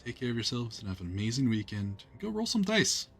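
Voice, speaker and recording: A man's voice: mid-range voice, very animated, a little fast, vocal fry, a bit bright, slight background noise. A man hosting a live stream as game master, thanking players and viewers with frequent fillers. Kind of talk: closing remarks on a live stream.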